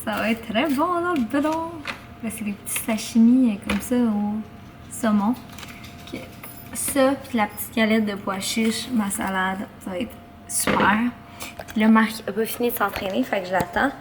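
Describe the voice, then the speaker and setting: Young female vlogger, Quebec accent, higher-pitched, informal and slangy, noisy home audio. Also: normal speed, roomy sound. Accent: Quebec French. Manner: informal, chatty, peppered with slang. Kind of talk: casual vlog chat. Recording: clearly noisy home vlog audio, clicks.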